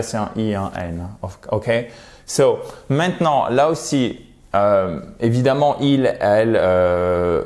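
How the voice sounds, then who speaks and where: A man's voice: on the low side, a little mellow. A man teaching English to French speakers in a video lesson, explaining patiently and playfully exaggerating example pronunciations.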